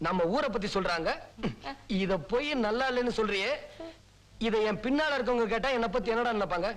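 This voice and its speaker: An actor playing a blustering village landlord in a film comedy, scolding and mocking people with short, barked insults. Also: male voice, very high voice, a bit bright. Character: blustering middle-aged male village landlord, scornful.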